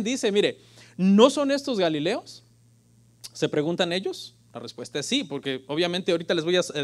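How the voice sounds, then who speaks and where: Pastor, man, middle-aged, fairly high voice, lively church sermon. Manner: lively preaching, addressing listeners as "hermano"; jokes with the congregation.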